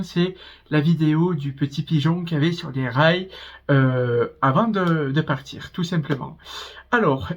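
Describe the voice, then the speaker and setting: Brief: young man, southern French accent, slightly high voice, chatty and hesitant, lo-fi sound. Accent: southern French, Pyrénées-Orientales. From France, Pyrénées-Orientales. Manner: chatty, rambling, many hesitations. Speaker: vlogger. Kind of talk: casual storytime vlog.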